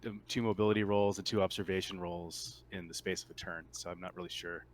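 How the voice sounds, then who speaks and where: A man serves as game master for a casual tabletop roleplaying game, explaining things haltingly with repeats and rephrasing. His voice is low-pitched, with a steady tone.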